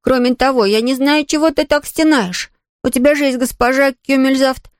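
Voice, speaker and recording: A woman voicing a stubborn, anxious boy under ten who talks quickly and defensively. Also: high voice, steady tone, clear, resonant tone, dry recording, studio quality, voice pushed up, natural voice.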